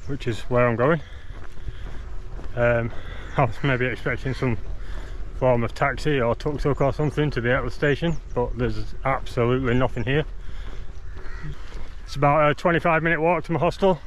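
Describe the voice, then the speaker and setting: A man's voice: mid-range voice, fairly even intonation, moderate pace, slight background noise. A man in his thirties vlogging while travelling, chatty and upbeat, speaking to an action camera at arm's length. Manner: chatty, upbeat, laughs often. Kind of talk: casual vlog to camera. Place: outdoors on streets, station and beach. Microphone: action camera held at arm's length.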